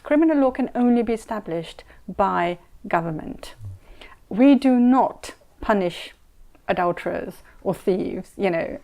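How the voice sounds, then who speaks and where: A woman's voice: medium pitch, lively intonation, unhurried, vocal fry, mellow. A middle-aged woman scholar and mediator, born in Saudi Arabia and raised in Kenya and London, answering interview questions in an earnest, emphatic way and repeating points for stress.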